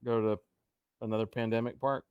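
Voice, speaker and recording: A man's voice: mid-range voice, flat delivery, a little fast, clear, resonant tone, no room sound, narrow, tinny audio. A middle-aged man co-hosting a casual live-stream chat, joking and exclaiming often with trailing asides.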